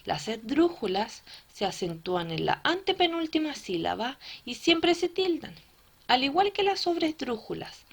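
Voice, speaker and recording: In this recorded classroom lesson, a woman with a fairly high, creaky-fried voice explains the material step by step, checking that students follow with frequent tag questions.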